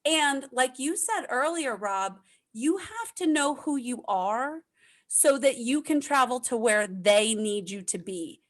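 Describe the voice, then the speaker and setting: A woman's voice: high voice, expressive, slow. A woman from the United States, a leadership consultant who speaks emphatically as a podcast guest and repeats key points for effect. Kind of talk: casual interview chat.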